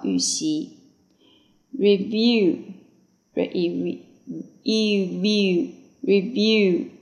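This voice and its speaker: A woman's voice: medium pitch, creaky, darkish tone, reverberant. A woman teacher running a word-by-word vocabulary drill, repeating each word several times, then giving its part of speech and meaning. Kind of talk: word-by-word spelling and dictation drill.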